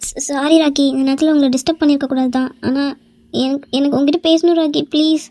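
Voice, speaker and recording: A woman voicing a scheming young female rival in a cartoon, who whimpers and pleads to win sympathy, and drops to a low, sly tone in her asides. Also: steady tone, fast talker, mellow, no echo, studio quality, close to an everyday voice. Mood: pleading, frightened. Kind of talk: amateur cartoon voice acting.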